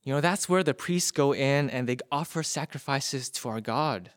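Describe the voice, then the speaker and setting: A man giving voice to a stern guard at the gate of an ancient Israelite camp, firm and explaining, his voice sometimes sinking low and hushed. The sound is close and dry, with no room around it. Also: moderate pace, dry recording, natural voice. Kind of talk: preacher acting out an illustration.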